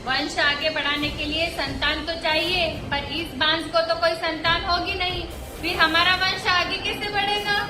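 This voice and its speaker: Woman voicing a spiteful cartoon mother-in-law; piercing high voice, distant roomy sound. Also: fairly even intonation, normal speed, noisy background. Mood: scornful. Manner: scolding, insulting, shrill. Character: harsh scheming Indian mother-in-law woman. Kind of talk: animated storybook voice acting. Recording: echoey room from far off, music behind.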